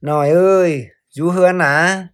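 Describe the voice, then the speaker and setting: A man telling a story in a slow, deliberate way. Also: sits high, steady tone, a bit bright, no room sound, clean studio sound.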